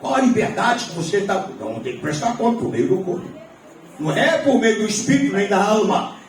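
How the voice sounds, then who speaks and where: High-voiced preacher in an echoing hall. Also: male voice, fairly quick, a little hiss or hum. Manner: animated preaching with shouted peaks and humor. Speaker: pastor. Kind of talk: sermon. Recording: very echoey hall, mic at a distance.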